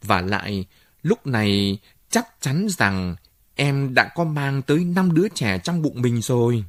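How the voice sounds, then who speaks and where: Male reader as a young lover in a storybook, earnest, firm, lively lilt. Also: medium pitch, a little slow, no echo, clean studio sound. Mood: cheerful. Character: cheerful, determined young man in love.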